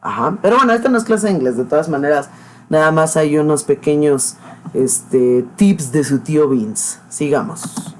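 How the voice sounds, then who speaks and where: A man's voice: on the high side, animated, moderate pace, slight background noise. A man with a Mexican accent hosting a reaction video, making sarcastic, mocking remarks. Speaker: host. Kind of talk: reaction commentary.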